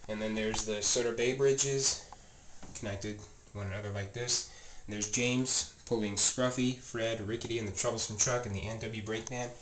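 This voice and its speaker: Filming close on a handheld camera mic, a man walks through his train room at home in a rambling, casual narration packed with fillers and self-corrections. He makes toy train videos, and his stuffy, scratchy voice is lowish, with fairly even intonation at normal speed.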